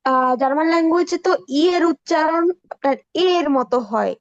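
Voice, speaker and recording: A woman's voice: high-pitched, brisk, dry recording. A woman student asking her teacher a question in an online class, hesitant and searching for words, over dull lo-fi call audio.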